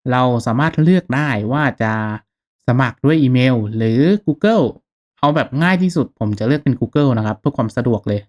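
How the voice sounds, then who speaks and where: In an easygoing how-to, a mid-range-voiced man explains software step by step, keeping his instructional tone informal.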